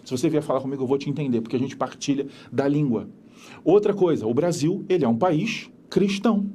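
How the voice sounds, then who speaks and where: A man's voice: on the high side, mellow. A man with a Carioca accent teaching a geography lecture in a conversational way, asking rhetorical questions as he explains. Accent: Carioca Brazilian Portuguese. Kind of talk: recorded lecture.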